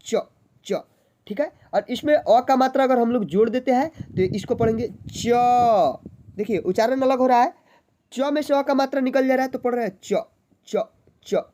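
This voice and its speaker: A woman teaching basic reading, who quizzes her listeners and repeats each point slowly and patiently. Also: on the high side, mellow. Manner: slow, drawn-out letter sounds. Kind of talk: basic literacy lesson.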